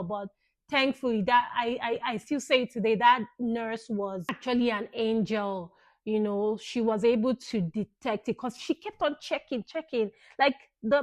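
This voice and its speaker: A woman's voice: on the high side, no room sound. A young woman vlogger earnestly recounting a personal experience in a casual, thankful way, often saying "you know".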